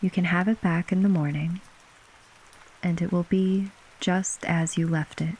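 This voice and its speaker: A woman narrating a bedtime sleep story as guided relaxation, gently and unhurriedly, with long pauses between short phrases. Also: lowish voice, breathy edge, low-quality recording. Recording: steady rain ambience behind voice. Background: rain falling.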